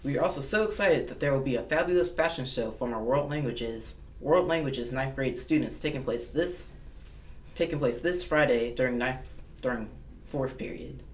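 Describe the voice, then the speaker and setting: A man's voice: medium pitch, moderate pace. Man reading school announcements over the intercom, roomy and far off. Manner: formal, reads with occasional restarts. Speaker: school morning announcements host. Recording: echoey and distant with faint noise.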